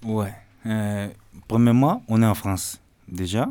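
Earnest man with a lowish voice. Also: a little slow, mellow, a little hiss or hum. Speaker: discussion participant. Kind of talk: casual group discussion.

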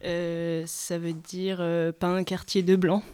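A woman's voice: on the low side, level tone, takes it slowly, mellow, clear, resonant tone. A woman answering interview questions hesitantly, with many fillers.

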